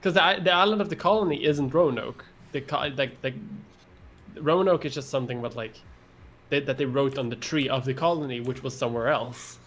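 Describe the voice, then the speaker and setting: A man from Sweden, a YouTuber guesting on a casual chat, relaxed, with quick laughing asides. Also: mid-range voice, a little hiss or hum.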